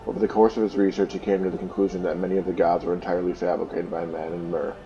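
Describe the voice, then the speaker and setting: A man's voice: low voice, little pitch movement, racing, warm tone, muffled recording, slight background noise. A man hosting a game playthrough, reading a book aloud plainly and stopping to explain things with casual fillers. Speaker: let's play host.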